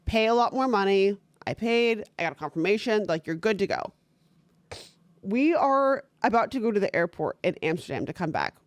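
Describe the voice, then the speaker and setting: A woman's voice: medium pitch, animated, normal speed, no echo. Blunt, swearing young woman podcast co-host. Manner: blunt, swears freely, acts out quotes. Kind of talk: casual chat.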